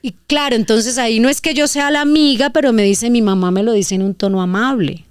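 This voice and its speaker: A woman in her forties with a Valle del Cauca Colombian accent, giving parenting advice in an animated, casual way. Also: fairly high pitch, brisk, clear, resonant tone, dry recording, clean studio sound. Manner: animated, acts out examples in voices. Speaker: guest parenting expert.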